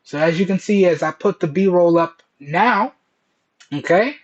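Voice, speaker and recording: Speaking at a measured pace in a fairly high voice, a man acts as a tech reviewer and video host giving viewers a casual product test on camera. He talks colloquially, repeatedly checking in with "okay" and "all right," and the dull, lo-fi sound comes from Bluetooth earbud headset microphones.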